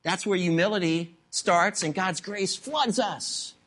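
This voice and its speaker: A man's voice: high-pitched, slow. A middle-aged man preaching a sermon as pastor, telling stories with humor and acting out voices. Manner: animated storytelling with acted-out voices and humor.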